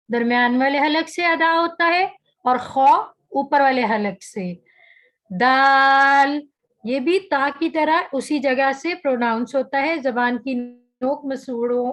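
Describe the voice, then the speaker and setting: A woman teaching an online tajweed class, saying each letter slowly and carefully, then patiently explaining how it is made. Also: high-pitched, poor audio. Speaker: Quran recitation teacher.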